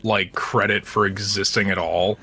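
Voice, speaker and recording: A man's voice: lowish voice, little pitch movement, moderate pace, sharp tone, breathy edge, soft background music. A man co-hosting a podcast, chatting casually about video games in a wry, blunt and sometimes profane way. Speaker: podcast co-host.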